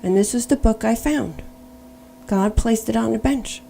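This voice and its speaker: A woman's voice: a little high, a little slow, vocal fry, warm tone, slight background noise. A middle-aged woman giving a personal faith testimony, earnest and storytelling, now and then spelling words out letter by letter.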